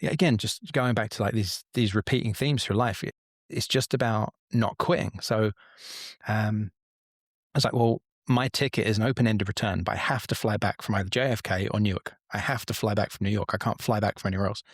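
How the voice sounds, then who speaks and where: A man in his forties from England rambles through a candid personal story, dropping the odd swear word as he goes. His voice sits on the low side. The sound is dry and close to the mic. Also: no room sound. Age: 40s. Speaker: podcast guest. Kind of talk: casual storytelling.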